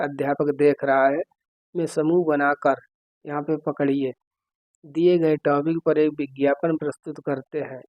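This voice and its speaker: A man's voice: fairly high pitch, dry recording. Man teaching an exam-prep lesson. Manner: explains step by step, often checking with "ठीक है". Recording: dry, slightly dull recording.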